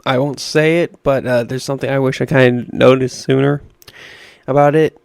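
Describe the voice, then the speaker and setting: A young man with a raspy voice giving rambling, self-deprecating commentary over a video game. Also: mid-range voice, fairly even intonation, normal speed, dry recording. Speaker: gaming YouTuber. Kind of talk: casual gameplay commentary.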